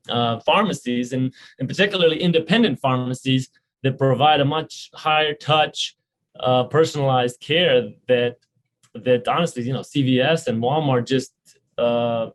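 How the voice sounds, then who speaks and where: A man in his thirties speaks as a guest on a podcast. He talks earnestly and at medium pitch. He restarts often and fills his pauses. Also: low-quality recording. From Romania. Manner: earnest, many restarts and filler words. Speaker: health insurance company founder and CEO. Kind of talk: podcast interview.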